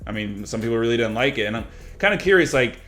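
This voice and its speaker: A man co-hosting a reaction chat, talking quickly and casually, swearing now and then and slipping into quick impressions of characters. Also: medium pitch, faint music behind. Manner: fast, animated, swears casually, mimics characters' lines. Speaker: reaction channel co-host.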